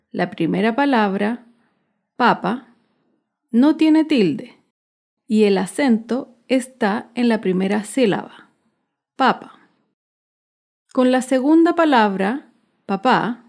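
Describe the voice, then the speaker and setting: Slow, careful female teacher voice. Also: a little high, warm tone. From Chile. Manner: careful, deliberate, stressing each syllable. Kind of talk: slow, clearly spelled-out grammar lesson narration.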